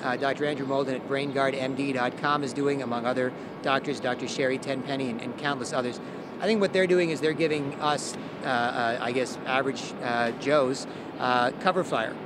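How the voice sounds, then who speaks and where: Over a noisy background, a medium-pitched man speaks like an informal street activist, laying out his views in plain, insistent terms. It's an impassioned street speech mixed with an informal interview.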